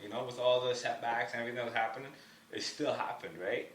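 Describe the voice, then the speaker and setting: A podcast guest born in Somalia who lived in Ottawa, Canada, talks quickly in a medium, fairly bright voice with fairly even intonation. He's off-mic in a roomy space with faint background noise. His casual advice is slangy, emphatic and motivational, scattered with "you know what I mean."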